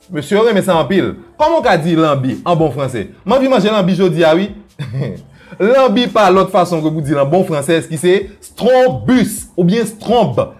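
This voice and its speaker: Teaching a lighthearted video lesson, a man with a Haitian Creole accent and a darkish tone works as a language teacher. He frequently drops into low-voiced asides and jumps high to act out quoted lines.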